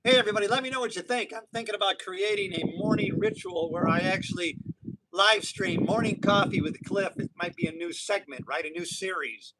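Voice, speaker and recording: With heavy background noise behind him, a man in his sixties talks a little fast in a high voice with lively intonation. His casual live-stream monologue from outdoors on an island is rambling, motivational, and full of restarts, captured on a phone or camera.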